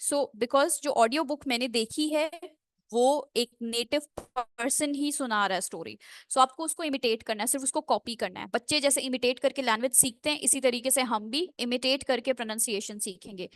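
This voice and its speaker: A woman teaching English pronunciation in an online class, switching between Hindi and English, drawing out model phrases slowly and checking in with students often. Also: sits high, fairly bright tone, no echo, clean studio sound. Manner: slow, drawn-out model phrases, with frequent check-ins. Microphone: computer mic on a screen-shared video call.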